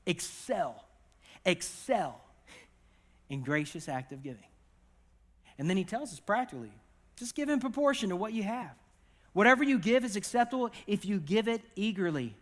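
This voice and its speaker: A man preaching a sermon as pastor, with conversational, animated storytelling and acted-out quotes. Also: sits high, big-room sound. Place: church auditorium.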